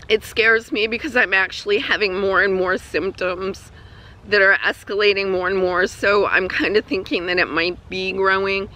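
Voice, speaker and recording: A woman talks casually to her viewers in a personal vlog recorded outdoors. Her voice is weak and strained from a troubled throat, with a bright, tense edge. She speaks haltingly, pausing partway through sentences. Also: medium pitch, low-quality recording. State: throat spasms with coughing and throat clearing. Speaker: vlogger. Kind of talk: personal health update vlog, casual talk. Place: outdoors on a hike.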